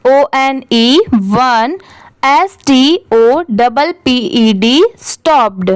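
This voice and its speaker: High clear woman spelling words slowly. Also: dry recording. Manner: spells words letter by letter, asks "ठीक है?" often. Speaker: English reading teacher. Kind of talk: slow spelling-out lesson.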